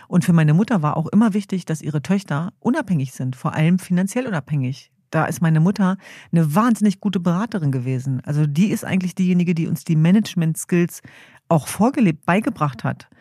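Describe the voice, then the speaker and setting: Middle-aged woman, interview guest; earnest storyteller, warm dark timbre. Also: lowish voice, lively intonation, brisk, husky, dry recording, studio quality. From Germany. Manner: earnest, storytelling, acts out quoted family voices. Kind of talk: reflective interview talk.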